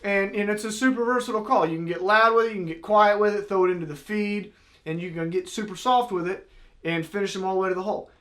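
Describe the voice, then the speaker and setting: High-pitched man giving a casual tutorial. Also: fast talker, a bit bright. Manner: folksy, plain-spoken, demonstrates with spoken sound syllables. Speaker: duck call maker and instructor.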